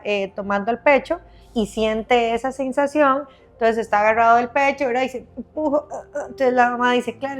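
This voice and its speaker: A woman specialist patiently explaining baby health on a podcast, step by step, often checking in with her listener. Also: on the high side.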